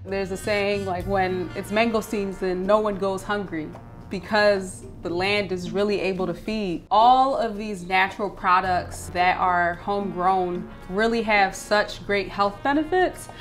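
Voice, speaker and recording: A woman in her thirties from Philadelphia, a research scientist, speaking reflectively about family and food. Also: mid-range voice. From Philadelphia, USA. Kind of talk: documentary interview.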